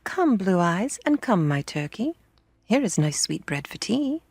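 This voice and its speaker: A loving storybook mother, acted by a woman, grave and tender. Her voice swoops gently, with a husky, creaky edge. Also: mid-range voice, sing-song, unhurried, dry recording, heavily acted. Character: loving, troubled young mother of small children.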